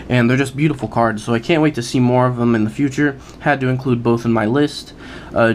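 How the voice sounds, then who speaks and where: A man's voice: medium pitch, slight background noise. A man hosting a card game channel, talking through his favorite new cards in a casual, enthusiastic way, with lots of "uh"s. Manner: enthusiastic, many filler "uh"s, laughs at himself. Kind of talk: casual video commentary.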